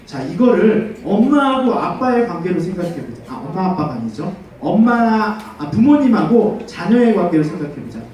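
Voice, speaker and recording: High lively guy preaching to kids, dark tone, super echoey church hall, far off mic. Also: moderate pace, hardly any pauses. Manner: animated, asks kids questions, leads call-and-response. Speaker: children's pastor. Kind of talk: children's sermon.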